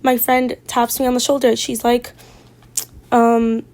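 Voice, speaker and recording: A woman's voice: on the high side, little pitch movement, unhurried, darkish tone. A teenage girl ranting casually about her day, exasperated and rambling, with lots of fillers. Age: teens. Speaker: vlogger. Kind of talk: casual rant vlog.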